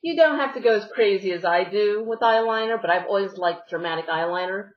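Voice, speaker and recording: A woman's voice: mid-range voice, fairly quick, muffled recording. A woman beauty vlogger narrating a makeup tutorial, giving friendly step-by-step instructions while slightly losing her voice.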